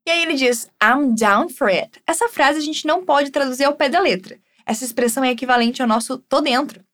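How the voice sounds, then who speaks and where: A Brazilian woman, a native Portuguese speaker, teaching English phrases in repeat-after-me drills, saying each model phrase slowly and explaining quickly in between. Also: high voice, fairly bright tone.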